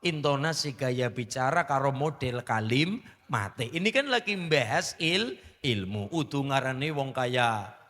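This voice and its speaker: A man preaching a village sermon, lively, asking the crowd questions and joking. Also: mid-range voice, a little slow, big-room sound. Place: religious gathering in a village.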